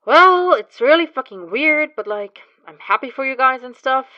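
A woman voicing a blunt young man, loud and incredulous, in a fan story read aloud. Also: on the low side, expressive, normal speed, no echo, muffled recording.

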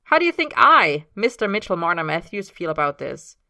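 A playful young husband, bubbly and always teasing, as a woman reader puts him on. The tone is bright and forward, and the recording is dry with no room sound. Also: high-pitched, big pitch swings, brisk, no room sound, pitched above the performer's own voice, exaggerated voice.

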